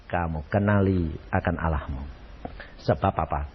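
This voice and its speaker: A man preaching a sermon, animated and acting out dialogues. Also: low-pitched, normal speed, slight background noise. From Indonesia. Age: 80s. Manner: animated, acts out dialogues in a shifting voice. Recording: dull lo-fi sermon recording.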